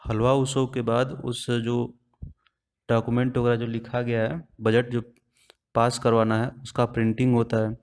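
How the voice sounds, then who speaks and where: Step by step, a male teacher guides an exam-prep lesson, often questioning the class and answering on his own. His mid-range voice is a little mellow, with a clear, resonant tone.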